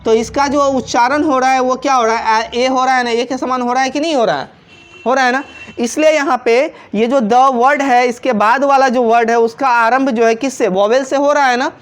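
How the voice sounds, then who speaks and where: A woman's voice: high voice, fairly even intonation, fairly quick. A woman teaching a grammar lesson in Hindi at a board, repeating points and asking rhetorical questions, with examples. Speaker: English teacher.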